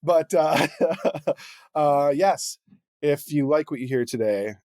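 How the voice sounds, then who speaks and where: A man's voice: on the high side, slow, darkish tone, dry recording, studio quality. A man co-hosting a casual podcast, joking loosely and talking with many fillers and restarts. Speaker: podcast co-host.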